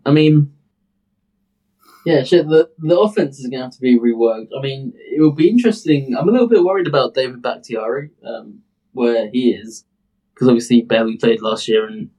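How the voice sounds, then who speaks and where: A man's voice: medium pitch, warm tone, poor audio. A British man co-hosting a casual sports podcast, rambling and hesitant with many fillers. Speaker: podcast co-host.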